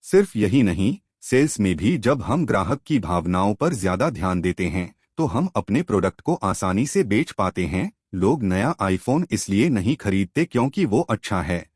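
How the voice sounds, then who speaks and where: A low, husky male voice narrates a book summary, talking straight to the listener and posing questions. His pitch moves up and down freely, and the recording is dry and close. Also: sing-song, moderate pace, few pauses, darkish tone, dry recording. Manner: explanatory, addresses listener directly with questions.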